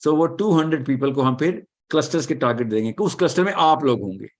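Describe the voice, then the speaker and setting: A man answering audience questions in an animated lecture, emphatic and reassuring, often switching into English mid-sentence. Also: medium pitch, fast talker.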